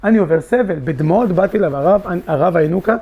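Middle-aged man, high pitch, emotional first-person storyteller, acts out his own lines. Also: lively intonation, warm tone. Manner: impassioned, reenacts his own pleading in dialogue. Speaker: storyteller sharing a personal testimony.

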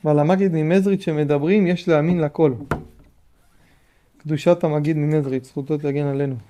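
Mellow-voiced man teaching a Torah lesson. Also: fairly high pitch, fairly even intonation, slight background noise. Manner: repeats phrases and explains patiently to listeners. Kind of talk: Torah lesson, reading and explaining a text.

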